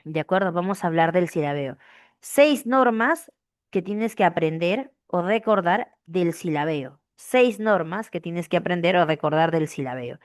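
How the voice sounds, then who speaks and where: Speaking unhurriedly in a lowish voice with lively intonation, this female teacher walks through a grammar lesson, going back over key phrases and frequently checking with "¿de acuerdo?". It's a dry, studio-quality recording of a classroom language lesson.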